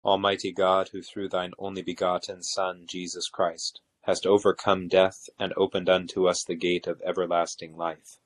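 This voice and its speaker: A man leading evening prayer as officiant, reciting liturgy in a solemn, measured way. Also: low voice, level tone.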